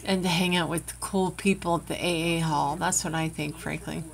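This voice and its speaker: A woman's voice: deep voice, fairly even intonation, moderate pace, gravelly. Frank woman venting to her camera. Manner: frank, venting, rambling storytelling. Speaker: vlogger. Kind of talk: candid personal vlog. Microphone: camera she adjusts herself.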